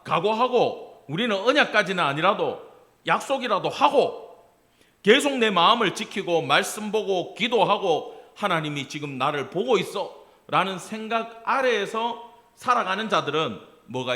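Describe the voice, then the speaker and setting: A man's voice: high-pitched, sharp tone. A middle-aged man preaching a Wednesday sermon as pastor, acting out family dialogue and asking the congregation questions. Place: church sanctuary.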